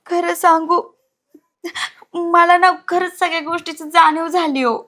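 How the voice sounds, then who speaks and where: An actress playing a scheming young wife who talks sweetly and slyly. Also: female voice, extremely high pitch, little pitch movement, unhurried, sharp tone, full character voice. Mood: pleading. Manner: wheedling, sly.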